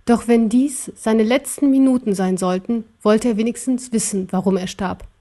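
A woman's voice: fairly high pitch, normal speed, dark tone. Woman reading a fairy tale aloud. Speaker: narrator. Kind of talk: storybook reading.

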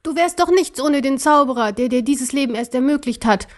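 A woman voicing a brave, angry little male teddy bear in an audiobook, raising her voice high and indignant. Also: normal speed, mellow, lightly acted. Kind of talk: audiobook character voice.

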